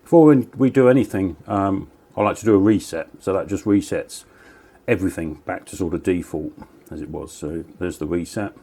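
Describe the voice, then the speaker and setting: His voice low, warm and gravelly, and his pace a little fast, a CB radio hobbyist and video host from southern England runs through a gear demo, chatting casually with plenty of radio jargon.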